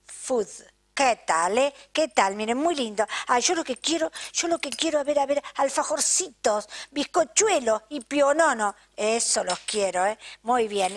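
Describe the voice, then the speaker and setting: A chatty, effusive older Argentine woman hosts a show in a local TV studio, speaking Argentine Spanish in a high voice. She chats casually, thanks sponsors to camera, and keeps asking "¿eh?"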